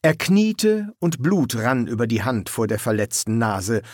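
Slow, expressive male audiobook narrator. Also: mid-range voice, dry recording, studio quality. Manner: expressive, measured reading. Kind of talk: scripted narration.

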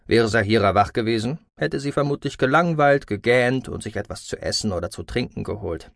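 A man reads sci-fi prose in a steady, measured way. His pitch is mid-range and ordinary. The recording is dry and close, with no room sound. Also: creaky, no echo. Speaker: audiobook narrator. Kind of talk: scripted science-fiction narration.

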